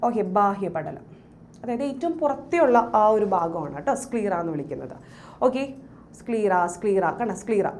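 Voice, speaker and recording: A woman teacher giving an online biology class with a Malayalam accent, asking quick questions and answering them herself, repeating key terms and mixing in English words. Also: medium pitch, big pitch swings, a little mellow, slight background noise. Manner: quick, call-and-response questioning. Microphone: drawing on a screen while talking.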